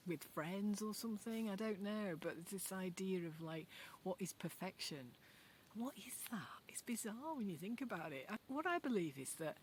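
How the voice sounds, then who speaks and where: A middle-aged Yorkshire woman with a medium-pitched voice vlogs casually and unscripted to camera outdoors in a forest garden. She muses aloud with loose, rambling hesitations, and there's slight background noise.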